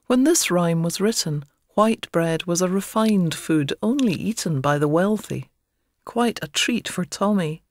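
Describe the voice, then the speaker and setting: A woman reads page numbers and short notes in a calm, explanatory way. Her voice is lowish and her pace slow. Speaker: narrator. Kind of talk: scripted narration of notes.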